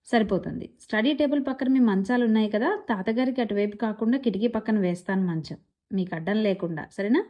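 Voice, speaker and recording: A patient, gentle mother who stays firm when her children push back, as a woman storyteller voices her. She speaks evenly at a middle pitch, and the recording sounds slightly muffled. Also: brisk, lightly acted. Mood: coaxing. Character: calm patient mother of two teens.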